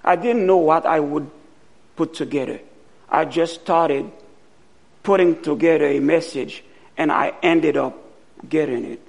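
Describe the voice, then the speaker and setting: Slow, gravelly-voiced man from Haiti preaching. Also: a little high, darkish tone. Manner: slow and deliberate, pausing often. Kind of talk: sermon.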